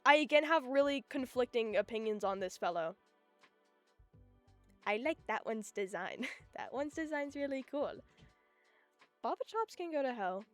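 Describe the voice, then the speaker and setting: High-pitched giggly woman streamer. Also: moderate pace, long pauses. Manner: excitable, giggly, rambling. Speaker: live streamer. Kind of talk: casual live-stream chat. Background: faint music.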